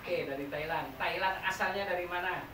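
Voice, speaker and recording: A man with a high voice teaches a massage therapy training class, explaining step by step and quizzing the students, at a slightly fast pace. The recording is noisy and echoey, with the mic far off.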